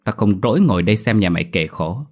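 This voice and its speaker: A man's voice: fairly low pitch, animated, fast, a little mellow. A man doing a cold-blooded brutal henchman. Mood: contemptuous. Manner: barking, contemptuous.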